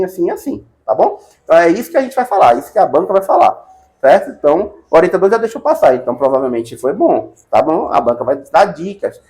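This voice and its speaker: A man's voice: fairly high pitch, a little mellow. A middle-aged Brazilian man teaching casually, chatty and encouraging, often adding "né" and "tá bom". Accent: Brazilian Portuguese. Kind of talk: casual advice lesson.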